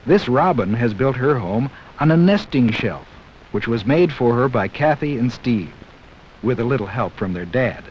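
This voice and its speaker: Heard through a slightly hissy, muffled 1960s film track, a man delivers scripted educational narration aimed at kids. His mid-range voice has lively pitch movement, and he keeps a steady, measured pace.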